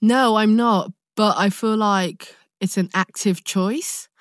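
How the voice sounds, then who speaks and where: Speaking slowly and steadily in a mid-range voice, this young actor from London is a podcast guest who chats expressively and spins candid, slang-filled stories. The studio recording is clean, with no room sound.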